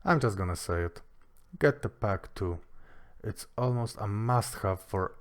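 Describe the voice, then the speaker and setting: A man's voice: on the low side, measured pace. A man giving a casual product review, with a dry, joking manner.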